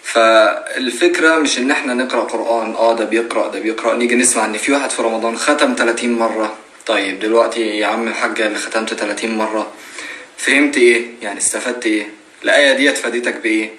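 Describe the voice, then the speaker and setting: Earnest fast-talking young Egyptian man. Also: medium pitch, fairly even intonation, pushed and bright. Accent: Egyptian Arabic. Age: 20s. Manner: earnest, explanatory, rhetorical questions. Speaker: guest on a live stream. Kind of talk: casual religious advice. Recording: roomy echo, faint noise.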